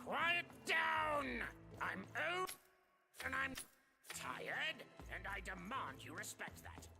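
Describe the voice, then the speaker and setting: Cranky, creaky old man. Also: high-pitched, very animated, slow, over music, exaggerated voice. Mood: irritated. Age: older. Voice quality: creaky, raspy. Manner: grumbling, bursts into shouting. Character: cranky, sleep-deprived old man, easily outraged. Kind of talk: video game character acting.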